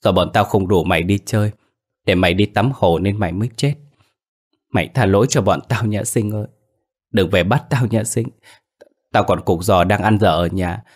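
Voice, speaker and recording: A man's voice: on the low side, sing-song, fairly quick, fairly bright tone. A man voicing a greedy, cowardly village boy, with a whiny, yelping manner. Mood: sobbing. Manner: whiny, yelping when scared.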